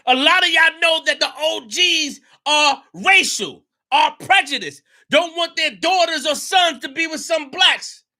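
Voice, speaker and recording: Passion drives this monologue from a New York man hosting his own show. His voice is very high and cutting, and he presses his commentary with insistent repetition that swells into shouts.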